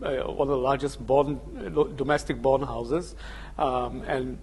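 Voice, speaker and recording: A man's voice: medium pitch, steady tone, a little slow, a little mellow. A man interviewing a business leader, asking long, probing questions with frequent restarts.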